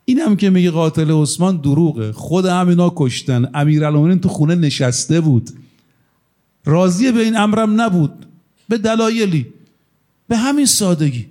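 A male cleric giving a sermon, telling stories with emphatic rises in pitch on his key points. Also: warm tone. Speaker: cleric preacher.

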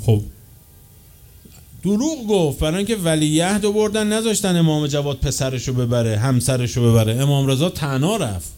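A man preaching a sermon with passion, swinging from loud, slow declaiming to quick, quieter asides. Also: on the high side, expressive. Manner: chants quoted chains of narrators slowly.

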